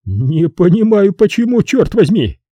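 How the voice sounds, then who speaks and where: Man voicing a petulant grumbling man, raised pitch, stubborn, audiobook reading, husky, dry. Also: big pitch swings, measured pace, mellow, no room sound, full character voice. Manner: petulant and complaining. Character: Brogan, sulky, tired, stubborn middle-aged man.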